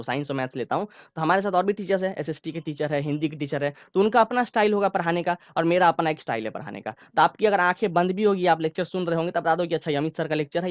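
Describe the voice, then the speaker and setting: In an online class, a man teaches science to school students step by step, repeating key terms informally and frequently checking that they understand. His voice is fairly high, with no room sound and the highs cut off.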